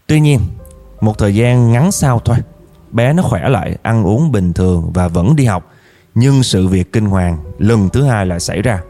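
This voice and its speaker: Expressive male storyteller, warm dark tone. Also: mid-range voice. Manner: addresses listeners directly, emotional retelling. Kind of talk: dramatic first-person story narration.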